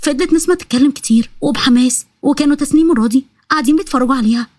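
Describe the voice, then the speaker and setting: A woman with an Egyptian accent narrating a scripted story in a brisk, plain manner. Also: high-pitched, darkish tone, dry recording.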